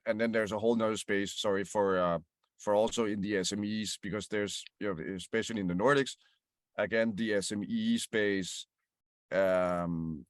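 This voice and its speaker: A man with a fairly low voice answers questions as a podcast guest. He stumbles and repeats words as he thinks. The recording is dry and close. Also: dry recording. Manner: hesitant, repeats words, many fillers. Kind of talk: interview answers.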